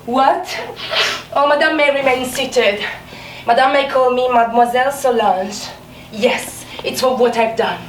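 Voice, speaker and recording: An actress playing a scheming maid who mocks and shouts theatrically on a stage, caught from a distance in an echoey theatre. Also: female voice, sits high, measured pace. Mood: triumphant. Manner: mocking, theatrical, with bursts of laughter and shouting. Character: a scheming maid, a grown woman, mocking and unhinged. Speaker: stage actor. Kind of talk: live stage acting. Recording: distant, echoey theatre recording with room noise.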